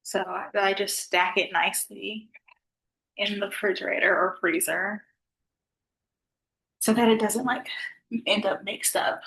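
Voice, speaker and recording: A woman talks softly and casually as she sets out her meal for a vlog. Her voice sits at an ordinary middle pitch, and she keeps her volume low throughout. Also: steady tone, unhurried, gravelly, long pauses, poor audio. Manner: soft-spoken, low volume. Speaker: vlogger. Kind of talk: casual food vlog chat.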